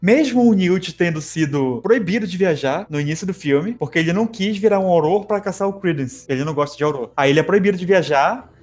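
A man rattles through a film plot as a podcast co-host, slipping into the characters' lines as he goes. He talks fast in a slightly high voice, with soft music faintly behind him. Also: expressive. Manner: rambling storyteller who acts out quotes. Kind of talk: casual chat, retelling a film plot.

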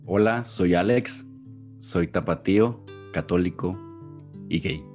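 A podcast guest from Guadalajara, Mexico, with a Jalisco Mexican Spanish accent, talks at length in a casual interview over a video call, often restarting his words. His low, darkish voice moves slowly, with faint music behind.

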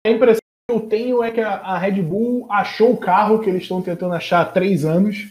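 A man's voice: high-pitched, steady tone, fast talker, lo-fi sound. A man with a Brazilian accent chatting casually and slangily on a sports podcast.

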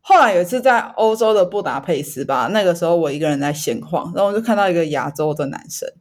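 A Taiwanese woman with a Taiwanese Mandarin accent hosts a podcast, chatting casually and slipping the occasional English word into her Mandarin. Her voice sits on the low side, and she talks fast and expressively.

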